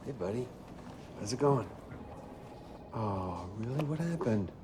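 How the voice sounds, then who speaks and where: An actor playing a caring, plain-spoken police lieutenant in a thriller film. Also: male voice, medium pitch, animated, unhurried, background noise, natural voice. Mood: gentle. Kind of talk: film drama dialogue.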